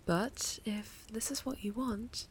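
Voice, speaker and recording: A woman's voice: a little high, a little hiss or hum. A woman voicing a seductive otherworldly warlock patron in an audio roleplay, teasing and whispery. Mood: flustered tender. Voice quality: breathy, whispery. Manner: teasing, purring, slow.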